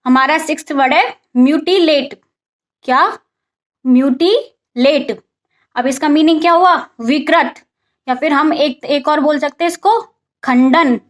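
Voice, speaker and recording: A woman's voice: high-pitched, normal speed. A woman teaching English vocabulary in a casual spoken lesson, asking and answering her own questions. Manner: mixes English vocabulary into Hindi explanation.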